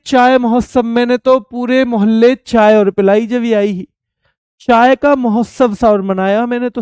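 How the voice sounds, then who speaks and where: Animated high-voiced teacher. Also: male voice, clear, resonant tone, no echo, clean studio sound. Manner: animated storytelling, rural dialect phrases, repeats key terms. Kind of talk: exam-prep lecture with memory tricks.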